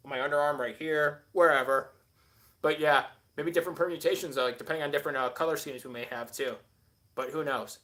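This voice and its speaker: A man's voice: on the high side, a bit bright. A man hosting a live stream, rambling casually and answering chat with many filler words.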